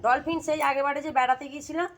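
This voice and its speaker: A woman's voice: high-pitched, fairly even intonation, rapid-fire. A mother chatting to her viewers in a casual home vlog, talking them through her day while scolding and coaxing her children.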